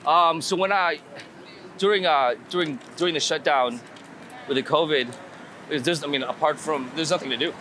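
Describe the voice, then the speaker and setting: Here the street photographer's voice sits on the high side with a sharp edge, moving at a moderate pace. Still thinking aloud and repeating himself in the casual walk-and-talk, he's recorded outdoors with city vehicles and street noise behind him.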